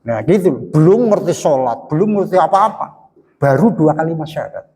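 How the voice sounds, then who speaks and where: Folksy older preacher in an echoing hall. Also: male voice, on the high side, animated, normal speed, a little mellow, slight background noise. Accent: Indonesian, Javanese Banyumas. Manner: folksy, joking, acts out quoted dialogue. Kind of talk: religious study talk. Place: mosque study hall. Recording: long hall reverb.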